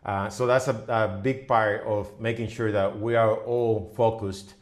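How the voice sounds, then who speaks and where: A middle-aged man from the Dominican Republic, a business owner guest on a podcast, speaking haltingly with many fillers and restarts. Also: fairly low pitch, steady tone. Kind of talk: podcast interview.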